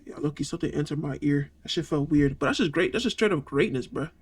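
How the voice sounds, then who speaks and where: A man's voice: fairly high pitch, quick pace, noisy background. A young man from Georgia with a Southern accent, talking loosely and profanely as he reacts to a video, often breaking into laughs. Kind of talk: casual reaction commentary.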